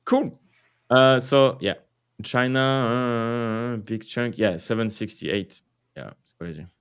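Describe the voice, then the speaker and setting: A man's voice: medium pitch, slow, clear, resonant tone. A man with a French accent hosting a casual crypto livestream, rambling with lots of fillers, swearing and laughing.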